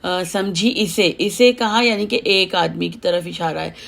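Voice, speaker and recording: A woman with a heavy, low voice teaching recitation, patiently correcting and chanting example lines. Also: measured pace, creaky, a bit bright. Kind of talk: teaching recitation over a call, with sung examples.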